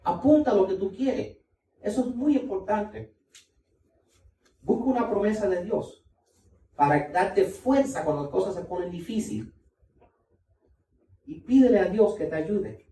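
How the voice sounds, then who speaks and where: A man's voice: sits high, expressive, measured pace, long pauses, warm tone, reverberant, recorded from a distance, rough recording. A male pastor preaching a sermon, emphatic, repeating key points and talking straight to the congregation.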